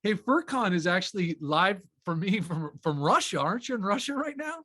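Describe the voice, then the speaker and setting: A man's voice: sits high, sing-song, normal speed, pushed and bright, no room sound, clean studio sound. A man hosting an online interview, upbeat and chummy with his guest. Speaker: interview host.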